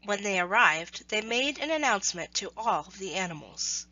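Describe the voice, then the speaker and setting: A woman reads a children's story aloud as scripted narration, phrasing it expressively and deliberately. Her voice is medium in pitch, and the audio sounds dull.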